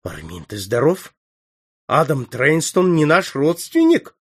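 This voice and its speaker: A man's voice: big pitch swings, slow pace, slightly rough, exaggerated voice. A man voicing a proud, middle-aged aristocratic countess who cries out shrilly in an audiobook reading. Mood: indignant. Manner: shrill, crying out.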